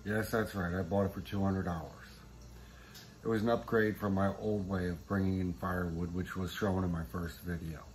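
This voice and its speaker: Man in his forties, low voice, plainspoken vlog host, phone at arm's length, faint background noise. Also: level tone, moderate pace. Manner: plainspoken, self-admitting, talks about common sense. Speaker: channel host. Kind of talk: casual how-to vlog. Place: small room with wood stove, indoors. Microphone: phone camera at arm's length.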